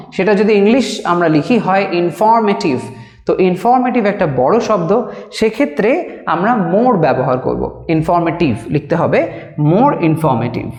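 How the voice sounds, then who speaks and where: A woman's voice: fairly low pitch, a little mellow. Woman teacher going over grammar, draws out the example words, echoey hall sound. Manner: slow, drawn-out dictation of English phrases. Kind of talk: explanatory grammar lesson. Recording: echoey room with long reverb.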